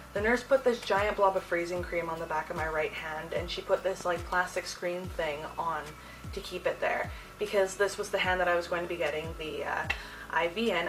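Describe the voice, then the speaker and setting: A young adult woman hosting a casual storytime vlog, talking in an animated, slangy way. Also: lowish voice, distant mic, rough recording. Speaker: video host. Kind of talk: casual personal storytime to camera.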